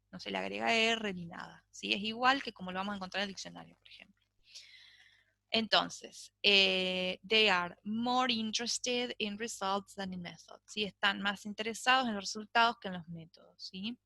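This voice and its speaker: Bright-voiced woman teaching a class. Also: mid-range voice, vocal fry, no echo. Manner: explanatory, checks in with frequent "¿sí?". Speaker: English teacher. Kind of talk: online class lecture.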